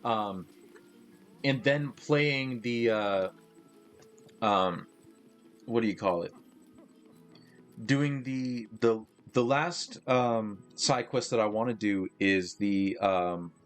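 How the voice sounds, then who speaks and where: A man chatting casually while he streams a game live, rambling and losing his train of thought. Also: on the low side. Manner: rambling, with many fillers and restarts. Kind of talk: casual live gaming chat.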